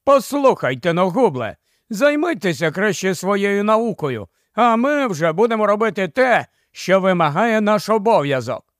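A man's voice: high-pitched, very animated, normal speed, no echo, studio quality, voice pushed up. A man voicing a smug, officious town council member who lectures. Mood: lecturing.

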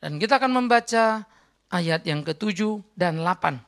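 A man pastor preaching a sermon, emphatic, swinging between soft asides and loud exhortation. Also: sits high, expressive, normal speed.

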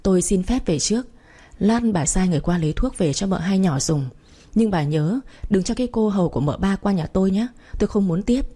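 A woman voicing a contemptuous male village healer who accuses, in a dark breathy storybook reading. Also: mid-range voice, lively intonation, a little fast. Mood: scornful. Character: scornful male village herbalist.

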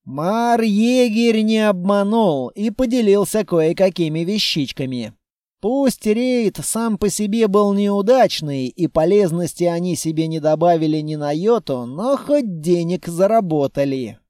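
Male narrator, first-person audiobook, even measured reading, slow, dry close sound. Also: high voice, dry recording.

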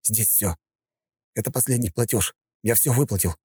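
A man's voice: fairly low pitch, normal speed, warm tone, breathy edge, no room sound, pitched above the performer's own voice. A man voicing a desperate young debtor who speaks in a strained, pleading way.

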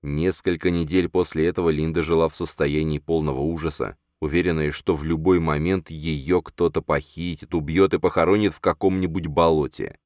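A man narrating a novel aloud in an expressive storytelling reading. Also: extremely low pitch, a little fast, few pauses, no room sound, clean studio sound. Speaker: audiobook narrator. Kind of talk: scripted narration.

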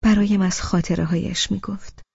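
A woman narrating an audiobook in the first person, with calm, even storytelling. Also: mid-range voice, creaky, husky, no echo, muffled recording.

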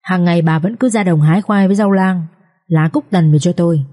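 A woman's voice: on the low side, brisk, warm tone, close to an everyday voice. A woman voicing a crafty, crude village thief husband. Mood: bossy. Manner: brash, bossy, crude banter.

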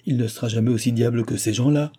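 A man's voice: mid-range voice, fairly even intonation, fast, dark tone, close to an everyday voice. A man reading aloud who voices an emotional young aristocratic woman, wailing and exclaiming in a raised voice. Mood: agitated.

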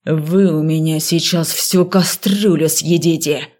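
A woman's voice: low voice, slow pace, gravelly, darkish tone, husky, voice pushed down, exaggerated voice. A woman voicing a stern, furious male university dean who growls his threats.

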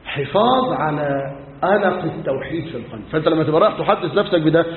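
A high-voiced Egyptian sheikh preaching at a quick clip, switching into the voices of the people in his stories and firing off rhetorical questions. The sound is thin and phone-like, with a long echo from a big hall. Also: animated, a little hiss or hum. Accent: Egyptian Arabic. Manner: colloquial storytelling, acting out dialogue, emphatic rhetorical questions. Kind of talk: sermon.

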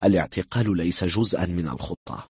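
Deep husky guy narrating a thriller audiobook, calm and even. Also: no echo, studio quality. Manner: steady, measured storytelling. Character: calm, cool-headed man bluffing.

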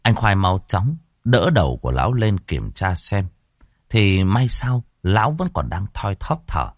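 A man narrating a horror story in a low, lively voice that rises and falls a lot. His telling is expressive and animated, and the sound is dry and close. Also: dry recording.

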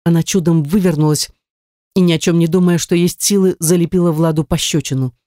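Dark-toned woman audiobook narrator. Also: lowish voice, steady tone, a little fast, dry recording, studio quality.

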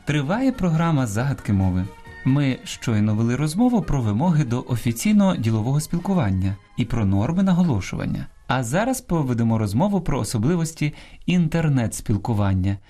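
Male radio host giving a language lesson; mellow tone, animated intonation, patient and didactic. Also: medium pitch, brisk, faint music behind. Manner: didactic, corrects common mistakes word by word. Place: radio studio.

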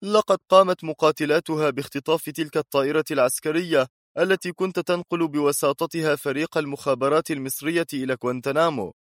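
A man's voice: on the high side, no room sound, studio quality, pitched above the performer's own voice, lightly acted. A male narrator voicing a stern, cold, commanding intelligence chief who speaks firmly and curtly in an audiobook. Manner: firm, curt, steely. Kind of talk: audiobook character voice.

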